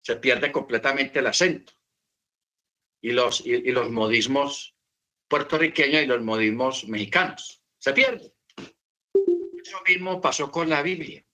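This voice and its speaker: Slow, bright-voiced male Bible teacher. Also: medium pitch. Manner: deliberate, repeats points, asks rhetorical questions. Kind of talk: unscripted teaching talk.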